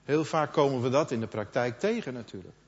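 A middle-aged man preaching a sermon in a conversational manner, quoting others in lively asides. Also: mid-range voice, a little fast. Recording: dull sound with long hall reverb.

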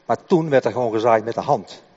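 An older man giving a sermon in a halting way, often repeating words as he explains. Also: mid-range voice, warm tone. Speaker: preacher. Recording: dull echoing hall recording.

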